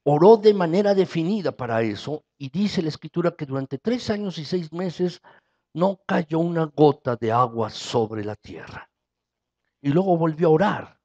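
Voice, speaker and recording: A man's voice: fairly high pitch, animated, moderate pace, mellow, highs cut off. A man with a Mexican Spanish accent preaching a sermon as pastor, his voice rising for emphasis.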